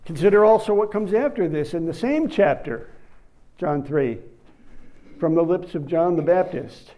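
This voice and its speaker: A man preaching a sermon, reading scripture slowly and rising to emphatic bursts on key words. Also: fairly high pitch, animated, mellow, low-quality recording.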